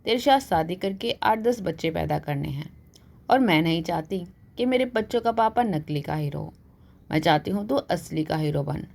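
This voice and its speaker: A woman's voice: on the low side, expressive, moderate pace, creaky, darkish tone. A brash young college girl teases her friend with mocking pet names, as a woman narrator puts her on. Her lines are cheeky and playful in a read-aloud story. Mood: teasing.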